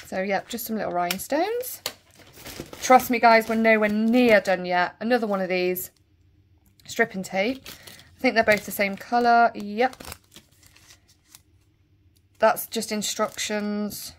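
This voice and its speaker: A woman with a Bristol accent chatting casually as she unboxes a nail kit and thinks out loud. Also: medium pitch, slow pace, long pauses, a little hiss or hum. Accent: Bristol English. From Bristol, England. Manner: chatty, thinking aloud, trailing asides. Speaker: nail vlogger.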